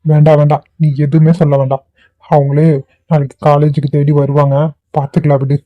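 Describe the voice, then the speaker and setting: A calm young husband, played by a man reassures in an even, slightly high voice. The homemade cartoon audio is tinny, phone-like and dry. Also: a little fast, no echo, close to an everyday voice. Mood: reassuring. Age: young adult. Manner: soothing, steady. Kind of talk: amateur cartoon voice acting.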